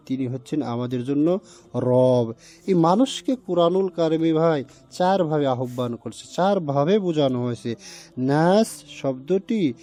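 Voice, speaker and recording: A man teaching the Quran word by word, drawing out Arabic forms slowly and often asking his listeners questions. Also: on the high side, warm tone. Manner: slow, drawn-out recitation of Arabic forms, repeatedly asks "ভাই".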